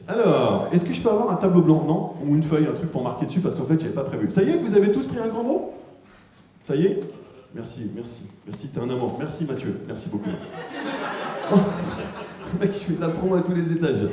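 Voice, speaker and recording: Teasing stage comedian in an echoing hall. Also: male voice, fairly high pitch, mellow. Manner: teasing, joking, quick-witted crowd work. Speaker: stage comedian doing a mentalist act. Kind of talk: live stage banter with the audience. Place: stage in a hall before a live audience. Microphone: handheld microphone. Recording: very echoey hall, live from the stage.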